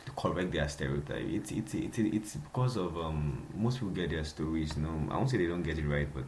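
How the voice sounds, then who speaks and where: A man's voice: extremely low pitch, fairly quick, darkish tone, a little hiss or hum. A young Nigerian man with a Nigerian accent, hosting a casual solo podcast, chatty and repeating himself, laughing often. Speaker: podcast host.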